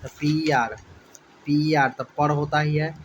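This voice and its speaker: Man slowly spelling words letter by letter. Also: fairly high pitch, flat delivery, muffled recording, noisy background. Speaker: teacher. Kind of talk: spelling lesson for exam students.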